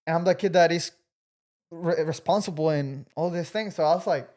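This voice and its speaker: A man's voice: a little high, normal speed, darkish tone. Earnest talkative young man. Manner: earnest, talkative, many "like" fillers. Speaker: podcast guest. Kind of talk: casual podcast conversation.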